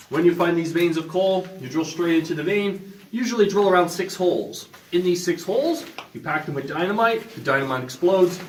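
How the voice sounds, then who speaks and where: A man guiding a tour deep underground in a coal mine, explaining as he points things out, his voice bouncing off the tunnel walls. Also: recorded from a distance. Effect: cave echo of an underground tunnel. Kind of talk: guided tour talk. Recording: echoey tunnel, voice off-mic, noisy.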